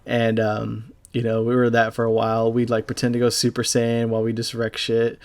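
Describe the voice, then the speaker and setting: A man's voice: mid-range voice, completely flat delivery. Rambling young man, gaming voice-over. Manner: halting, rambling, heavy with fillers; casual and profane. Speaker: gaming YouTuber and clan leader. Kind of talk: casual voice-over commentary on gameplay.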